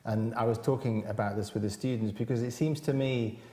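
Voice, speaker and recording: Medium in pitch and fairly quick, a man in his forties from Britain talks as a cellist guest in a panel conversation. He's thoughtful and animated, using hand gestures. The large, high-windowed hall gives the recording an echo.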